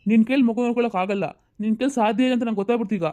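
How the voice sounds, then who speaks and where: A man's voice: very high voice, steady tone, warm tone. A man playing a stern husband and father who scolds his wife and son in a homemade family drama. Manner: scolding, bossy, rapid-fire. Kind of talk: amateur audio family drama.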